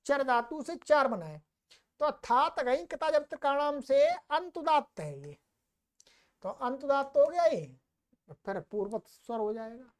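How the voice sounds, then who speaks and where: A woman with a high voice gives a Sanskrit grammar lecture. She shifts between careful, measured recitation of the rules and easy, conversational explanation. She keeps checking on her listeners as she goes. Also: expressive. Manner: explains sutras in Hindi with Sanskrit recitation, chuckles at examples; slows down for Sanskrit terms, repeats "ठीक है". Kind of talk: classroom lecture.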